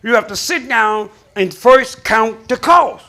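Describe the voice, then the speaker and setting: A male pastor preaching a sermon to his congregation, calling for responses and climbing into shouts. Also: extremely high pitch, animated, slow. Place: church sanctuary.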